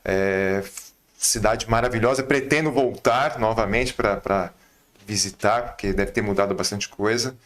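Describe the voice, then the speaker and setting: A Brazilian man hosting a podcast interview, asking relaxed questions and adding brief affirmations. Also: fairly low pitch, moderate pace. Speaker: podcast host.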